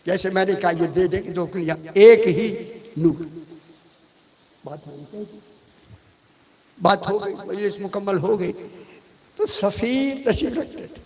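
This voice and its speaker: In a reverberant hall, a high-voiced male religious scholar gives an Urdu majlis sermon filled with anecdotes. He speaks at a measured pace and pauses often, telling stories conversationally and addressing the audience directly.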